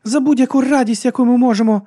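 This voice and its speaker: A man voicing a tipsy, earnest young woman in a high, breathless voice for an audiobook. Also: steady tone, quick pace, mellow.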